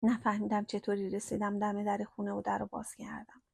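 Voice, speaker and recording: A woman narrating a first-person story in a slow, hushed storytelling manner. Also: medium pitch, monotone, vocal fry, husky, no room sound, clean studio sound.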